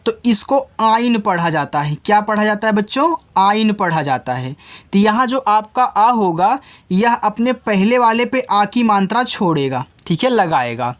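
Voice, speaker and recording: Teaching phonics to children, a Hindi-accented man sounds out English words letter by letter, taking it slow and careful. His voice sits high, and he repeatedly asks questions that he then answers himself.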